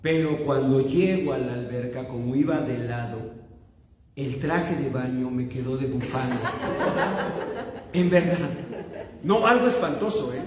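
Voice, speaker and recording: A middle-aged man with a Mexican accent, a pastor telling a self-mocking, animated story during a sermon. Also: mid-range voice, unhurried, pauses often, background noise. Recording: echoey hall with long reverb.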